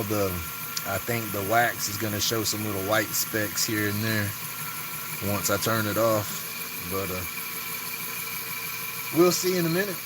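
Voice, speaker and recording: A man with a Southern US Appalachian hillbilly accent chatting casually and folksily on a livestream while he works, sometimes getting tongue-tied. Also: mid-range voice. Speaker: woodturning livestreamer. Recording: noisy workshop, machine hum behind voice.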